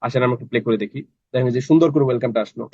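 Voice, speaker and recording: A man runs a live online class, talking fast and checking in with his students again and again. His voice is dry and close, a little dull, as from a computer microphone on a video call. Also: mid-range voice, a little mellow, no room sound. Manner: chatty, checks in with students often.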